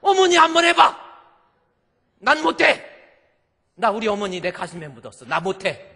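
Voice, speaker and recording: A male preacher voicing a distraught middle-aged daughter-in-law who shouts in grief, shrill and near tears. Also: animated, a little slow, in a large hall, close to an everyday voice. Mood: anguished shouting.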